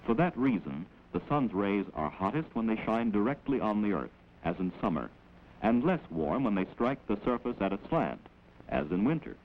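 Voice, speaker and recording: This low-voiced, animated man narrates a 1940s American film, explaining in a measured, instructive way. The audio comes from an old 16mm film soundtrack that is noisy and dull.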